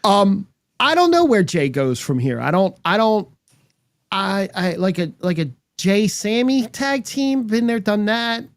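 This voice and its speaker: A man's voice: high voice, sing-song, unhurried, no room sound. A man co-hosting a podcast, chatting casually about wrestling, speculating aloud with slangy, questioning remarks. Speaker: podcast co-host. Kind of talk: casual wrestling recap chat.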